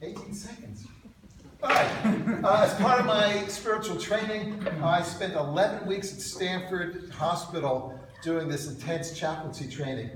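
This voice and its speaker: Echoey, higher-voiced older man giving an informal talk. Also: moderate pace. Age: 60s. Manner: off-the-cuff, wryly self-deprecating, with asides. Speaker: speaker at an alumni reunion talk. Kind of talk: informal autobiographical lightning talk with slides. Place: echoey indoor presentation room. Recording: very echoey room, distant mic, loud noise.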